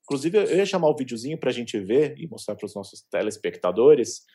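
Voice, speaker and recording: Husky, mellow Brazilian male host. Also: mid-range voice, sing-song, brisk. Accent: Brazilian Portuguese. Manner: joking, leads the talk. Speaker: host, entertainment editor. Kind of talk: casual gossip chat.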